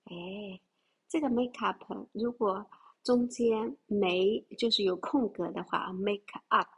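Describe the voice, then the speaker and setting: A woman's voice: medium pitch, steady tone, takes it slowly, fairly bright tone, breathy edge. A woman teaching English vocabulary, explaining words and spelling them out letter by letter. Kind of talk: vocabulary lesson.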